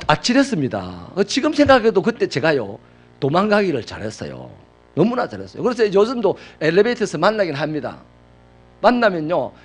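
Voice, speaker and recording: A male pastor preaching a sermon, telling personal stories dramatically, swinging from loud outbursts to hushed asides. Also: fairly high pitch, husky.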